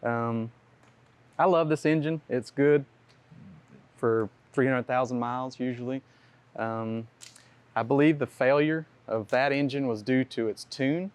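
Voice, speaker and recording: A man's voice: mid-range voice, a little slow, pauses often, clean tone. A man mechanic giving a plain, practical explanation of engine repairs at a tech session. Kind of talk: casual technical explanation.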